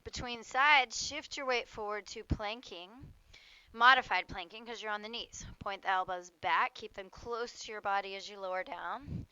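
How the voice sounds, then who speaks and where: A woman instructor guiding a warm-up yoga class outdoors, giving short cues for moves and breath in a casual, playful way. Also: medium pitch, moderate pace, clean tone, no room sound, muffled recording.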